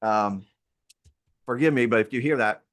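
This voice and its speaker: A man who teaches real estate, talking in an interview with a lively, playful, emphatic manner from his home. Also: medium pitch, normal speed. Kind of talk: interview conversation. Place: at home near an outdoor deck.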